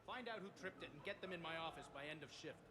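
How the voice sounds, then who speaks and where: A man acting as a harried game security boss. He is curt and barking, with a slightly high, animated voice over clear background noise. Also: fast talker, natural voice. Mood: curt, annoyed. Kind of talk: video game character dialogue.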